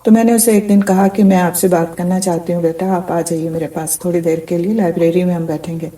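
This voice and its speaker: A woman's voice: fairly low pitch, fairly even intonation, warm tone, recorded from a distance, low-quality recording. A middle-aged woman giving a Quran commentary lecture, telling stories from her teaching in an earnest way.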